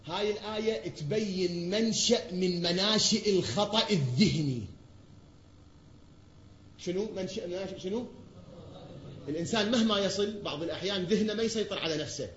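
A man with an Iraqi Arabic accent delivers an emphatic sermon from a pulpit in a large hall, posing rhetorical questions to his listeners and answering them himself. His voice is high and brisk, with frequent pauses. The recording is echoey and dull lo-fi, with slight background noise.

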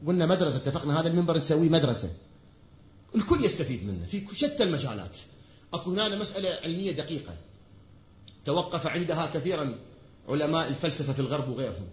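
Iraqi guy preaching from the pulpit, rapid-fire, big echo, kinda muffled recording. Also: a little high, slight background noise. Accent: Iraqi Arabic. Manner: emphatic, asks the audience rhetorical questions and answers them. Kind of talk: pulpit sermon. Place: pulpit in a large hall. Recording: echoey hall, dull lo-fi sound.

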